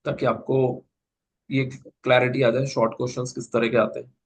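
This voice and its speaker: A man's voice: mid-range voice, flat delivery, moderate pace, low-quality recording. A man with an Indian English accent teaching an online placement class, patiently explaining and mixing Hindi with English. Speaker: placement trainer.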